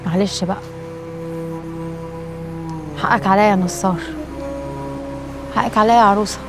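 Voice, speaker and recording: An actress plays a proud, reproachful woman who has returned from her supposed death, teasing and chiding dryly in an Egyptian Arabic accent. Her natural voice is medium-pitched and steady, at a normal speed, heard over music.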